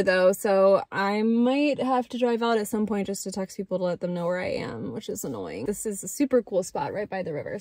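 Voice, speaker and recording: Sitting in her car on a road trip, a travel vlogger in her twenties chats casually to a handheld camera propped on the dashboard. Her voice is mid-range with a darkish tone, and there's slight background noise.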